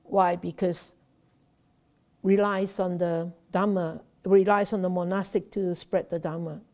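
A middle-aged Buddhist nun from Hong Kong with a Hong Kong accent, giving a slow, halting Dharma talk with many restarts, recorded on a laptop webcam in a temple shrine room. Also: female voice, fairly low pitch, fairly even intonation, darkish tone.

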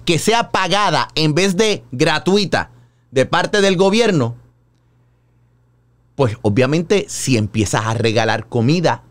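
A Puerto Rican man hosting a radio call-in show, giving animated, joking, colloquial opinions. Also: a little high, slow pace.

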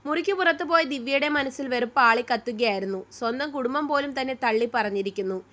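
A woman reads a story aloud in a calm, steady voice. Her pitch sits high, and she keeps an even storytelling pace. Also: fast talker. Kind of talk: scripted story narration.

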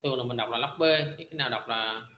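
A man's voice: mid-range voice, fast, roomy sound, lo-fi sound, a little hiss or hum. Man teaching math. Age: middle-aged. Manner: frequent hesitant fillers. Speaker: high school math teacher. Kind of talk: classroom lecture. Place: classroom.

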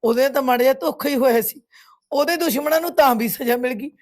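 Speaking fast in a high-pitched voice with a darkish tone, a Punjabi-accented actress portrays a grief-stricken village woman. She tearfully and reproachfully accuses a family friend in this village web series drama.

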